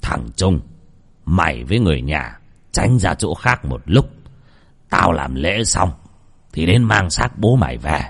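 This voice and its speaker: A stern old shaman speaks low and hushed with curt authority, as a male narrator puts him on. Every word stays cold and unhurried throughout this told ghost tale. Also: very animated, breathy edge, full character voice.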